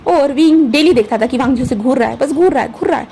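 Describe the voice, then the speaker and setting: A woman telling a fan fiction story in a casual, chatty way, talking straight to her listeners. Her voice is high and mellow, and she narrates at a quick clip. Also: slight background noise. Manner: chatty, addresses listeners as "bhai".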